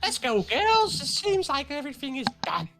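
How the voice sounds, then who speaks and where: A man's voice: very high-pitched, wildly swooping pitch, moderate pace, gravelly, music in the background, pitched above the performer's own voice, exaggerated voice. A man voicing a bossy, impatient old witch who scolds the players. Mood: brisk.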